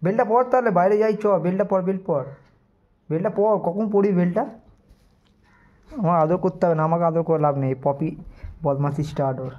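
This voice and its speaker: A man chatting to his pet dog for a vlog, teasing and coaxing it in affectionate baby talk. His voice sits a little high. The sound is dull and lo-fi, like a phone recording. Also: normal speed, long pauses. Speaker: vlogger.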